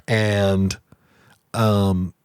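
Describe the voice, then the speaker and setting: A man's voice: fairly low pitch, little pitch movement, drawn-out words, darkish tone, clear, resonant tone, dry recording, studio quality. A man co-hosting a movie review podcast in casual chat, rambling and restarting sentences, slipping into silly voices to quote scenes. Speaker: podcast co-host.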